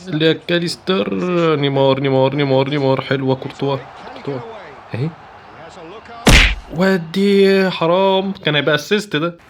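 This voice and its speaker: A man with an Egyptian Arabic accent giving excitable commentary while playing a football video game, chanting player names in quick bursts. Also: fairly high pitch, crowd noise. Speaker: gaming YouTuber. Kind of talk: live gameplay commentary.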